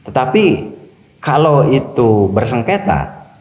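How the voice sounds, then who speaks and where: A man talking as a spiritual teacher on a podcast, animated and preachy, repeating key phrases for emphasis. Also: medium pitch, slow, noisy background. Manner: acts out quoted voices. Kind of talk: podcast religious talk.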